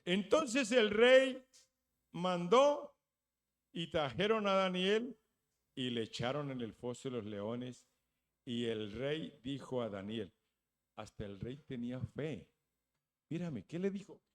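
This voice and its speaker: A man preaching a sermon as pastor, retelling a story with dramatic, loud acted-out lines and frequent restarts. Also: animated. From Spain. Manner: dramatic storytelling, acting out quoted lines with rising pitch and volume; slow, deliberate delivery with stumbles and restarts.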